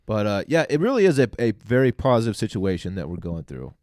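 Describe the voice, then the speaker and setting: A man's voice: on the low side, very animated, fast talker, darkish tone, no echo, studio quality. A man co-hosting a podcast in casual, earnest, rambling chat. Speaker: podcast co-host.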